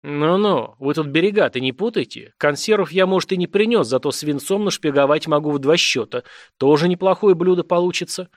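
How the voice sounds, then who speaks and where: A man's voice: on the high side, fairly quick, few pauses, no echo, studio quality, lightly acted. A man doing a sneering guard chief. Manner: sneering, bullying, coarse. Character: phlegmatic, contemptuous male chief of guards.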